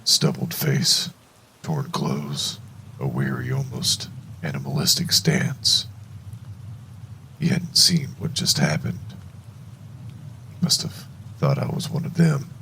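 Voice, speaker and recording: A man narrating a first-person horror story in a hushed, deliberate, suspenseful way, with a gravelly voice. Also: very deep voice, wildly swooping pitch, slight background noise, rough recording.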